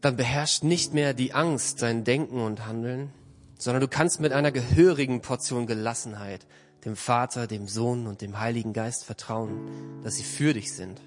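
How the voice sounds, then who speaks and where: Guy preaching a sermon, earnest and measured, calm middle voice, faint music under it. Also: mid-range voice.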